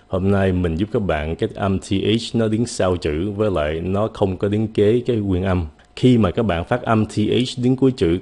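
A man giving a casual spoken lesson on English pronunciation, patiently repeating example words slowly. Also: deep voice, warm tone.

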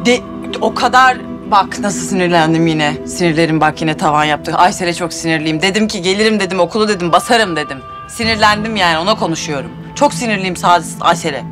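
An actress playing an excitable, quick-tempered pregnant housewife who talks to herself a lot. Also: female voice, on the low side, over music, natural voice. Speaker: pregnant wife. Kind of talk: TV drama acting.

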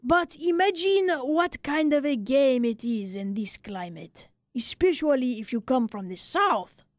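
For a storybook reading, a woman voices a small old Frenchman, a weary, talkative barber with a wry philosophy, who exclaims and laments in drawn-out phrases. Her voice is high and expressive with no echo, and the mood is one of weary philosophizing.

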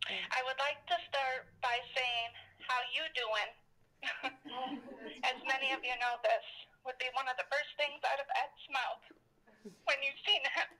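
Woman on speakerphone reading a tribute, careful and slow, crisp bright tone, fighting to stay composed. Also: high voice, fairly even intonation, poor audio. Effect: heard over a phone on speakerphone. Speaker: stepdaughter giving a tribute. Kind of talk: reading a prepared memorial tribute.

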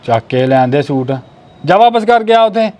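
A man's voice: high-pitched, big pitch swings, moderate pace, muffled recording. A man acting as a sulking, demanding brother-in-law in a family short film. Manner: sulky, sharp and demanding.

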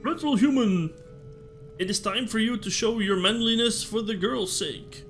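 A man's voice: high-pitched, moderate pace, fairly bright tone, faint music behind, pitched above the performer's own voice. A man reading aloud the lines of a proud, boastful male rock creature chief from a video game.

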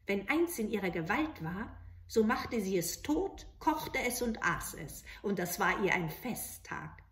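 A woman telling a classic fairy tale in a calm, measured storybook manner. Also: medium pitch.

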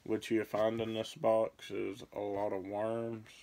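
Filmed on a phone camera held at arm's length in a small bedroom, a young man casually shows off his fishing baits for a vlog, rambling and naming each one as he handles it. He talks slowly with a fairly low, slightly mellow voice, vocal fry and little pitch movement. Crinkling plastic bait bags can be heard in the background.

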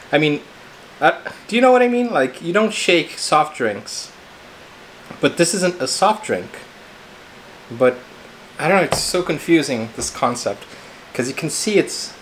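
Laid-back male vlogger, slow rambling chat to camera, faint hiss behind. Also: medium pitch, fairly bright tone, low-quality recording. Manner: chatty, rambling, self-correcting. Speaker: mukbang vlogger.

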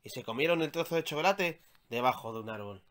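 A man from Spain reading aloud his own children's story, with measured, expressive storytelling. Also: on the high side.

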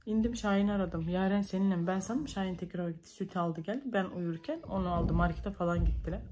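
A young Turkish-accented woman speaks straight to her viewers in a casual vlog, retelling events in an emotional, breathless rush with repeated calls. Her voice sits fairly low for a woman. A faint hiss runs under the recording. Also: steady tone, fast talker. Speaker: vlogger.

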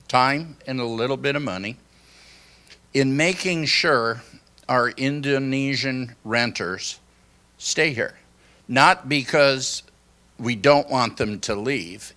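An older man giving an informal sermon to a small congregation, speaking slowly and conversationally into a handheld microphone in a church hall. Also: mid-range voice, pushed and bright. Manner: slow, conversational, reflective. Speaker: pastor.

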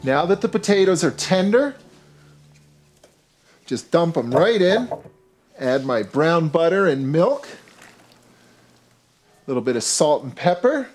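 This forties-aged cooking show host addresses the camera playfully in a scripted segment, moving between a home kitchen set and a grocery store. He talks a little slowly with frequent pauses, his slightly high voice very animated, with background music underneath.

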